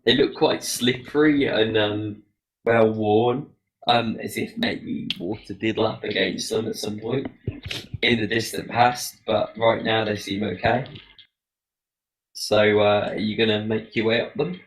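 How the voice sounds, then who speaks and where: A man narrating a tabletop game as game master, in a halting, conversational way. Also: lowish voice, fairly even intonation, rough recording.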